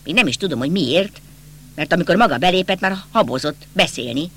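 A bitter, agitated young count, voiced by a man reading an audiobook presses and accuses in a bright, tense voice. His pitch leaps around with agitation. The speech is raised and insistent. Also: lively intonation, husky, full character voice.

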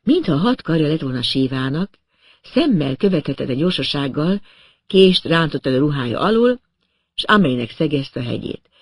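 A man narrating an audiobook in the first person with a steady, storytelling delivery. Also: a little high, slightly rough, no echo, studio quality.

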